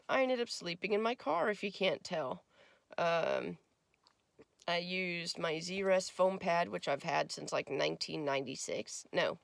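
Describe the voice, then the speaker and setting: Woman vlogger, morning-raspy gravelly voice, chatty and rambling, dry close sound. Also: lowish voice, no echo. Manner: rambling, filler-heavy, chatty. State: just woke up. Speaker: travel vlogger. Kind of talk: casual vlog chat. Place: in a car at a forest campsite.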